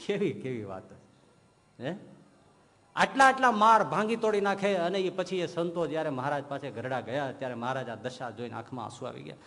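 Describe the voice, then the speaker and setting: A man, a swami, giving a storytelling sermon in speech and acting out the quoted saints in lively turns. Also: fairly high pitch, brisk. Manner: animated storyteller who acts out quoted saints. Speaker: swami giving a religious discourse. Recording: long hall reverb.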